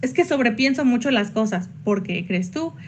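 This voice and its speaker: A woman psychologist giving a workshop online, chatty, with sudden high jumps when she acts out quoted voices. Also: animated, normal speed, slight background noise.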